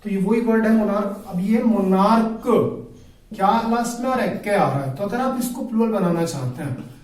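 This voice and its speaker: Recorded at a distance in a very echoey room, a male grammar teacher runs a classroom-style video lesson where he repeats points, quizzes himself and supplies the answers, and often says brother to his listeners. His voice is high and a little mellow, at a moderate pace.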